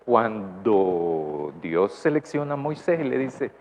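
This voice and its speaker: Here the Salvadoran pastor's voice is lowish and a little mellow, moving slowly with wide pitch swings. In church he chats through his sermon, asking the congregation questions and adding "¿verdad?", on a dull lo-fi recording with a faint hiss.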